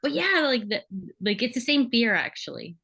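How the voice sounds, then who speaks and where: Bright-voiced earnest woman sharing. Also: fairly high pitch, very animated, normal speed, creaky, slightly rough. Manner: earnest, chatty, filler-heavy. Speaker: peer support group member. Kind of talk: casual spiritual sharing on a video call.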